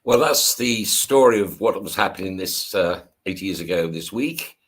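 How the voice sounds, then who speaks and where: An older man hosting an online history show, chatting in a relaxed way with fillers as he introduces his guest. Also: low-pitched, normal speed, slightly rough. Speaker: show host. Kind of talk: hosting a video call interview.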